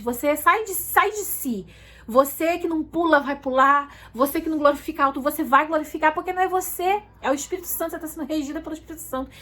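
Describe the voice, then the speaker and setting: A woman's voice: high-pitched, low-quality recording. A woman giving an emotional personal testimony to her viewers in a casual, repetitive way, calling out to them often. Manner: self-described shy and soft-spoken. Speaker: vlogger giving a religious testimony.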